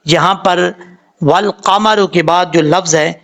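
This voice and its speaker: A man with a Pakistani Urdu accent teaching Quran recitation, patiently explaining letter sounds and repeating words slowly. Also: high voice, vocal fry, a bit bright. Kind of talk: tajweed lesson with spelled-out recitation.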